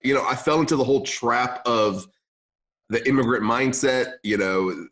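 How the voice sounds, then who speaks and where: A man's voice: mid-range voice, normal speed, a bit bright. A young man from Lebanon raised in California, speaking English as a second language, chatting casually as a podcast guest. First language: not English. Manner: casual, says "man" often, restarts sentences. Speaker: podcast guest, gym business owner. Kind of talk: casual interview chat.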